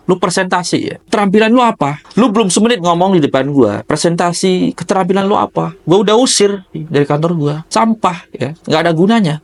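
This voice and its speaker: A man's voice: high-pitched, gravelly. A man giving a blunt motivational rant, scolding and crude as he confronts the listener. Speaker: motivational speaker.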